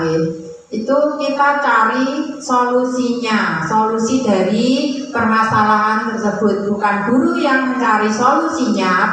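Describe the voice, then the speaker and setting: A woman's voice: a little high, a bit bright. A woman teacher explaining classroom roles to colleagues, sometimes acting out what a teacher would say to a pupil. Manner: explanatory, acts out scolding and friendly teacher lines. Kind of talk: presenting to fellow teachers. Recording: echoey room from far off, faint noise.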